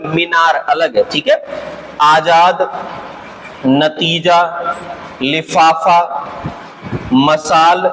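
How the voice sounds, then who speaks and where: A male teacher delivers an exam-prep lesson, reading out word after word at a slow, unhurried pace. His voice sits a little high for a man, and he keeps pausing to check in with his students. A faint hiss of background noise runs under the recording. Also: fairly bright tone, rough recording. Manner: slow, deliberate listing with frequent "ठीक है" check-ins. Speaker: Hindi grammar teacher. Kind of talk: exam-prep lesson, listing vocabulary words.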